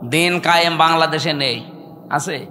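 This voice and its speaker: A man with a Bangladeshi accent preaches over a public-address system. His voice sits high, with a bright, hard edge. He exhorts his listeners like a fiery sermon-giver, firing rhetorical questions and demanding that they respond. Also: measured pace, a little hiss or hum. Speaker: Islamic preacher.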